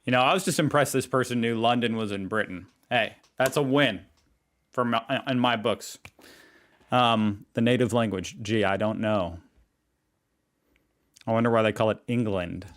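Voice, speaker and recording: A man hosting a reaction video, delivering sarcastic, deadpan commentary. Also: on the low side, normal speed, long pauses.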